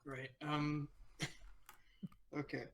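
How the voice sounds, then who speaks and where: Male player, hesitant and slow-paced, faint noise on the line. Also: a little high, monotone, vocal fry. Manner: hesitant, lots of "uh" and "um". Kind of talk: playing a character in a tabletop game.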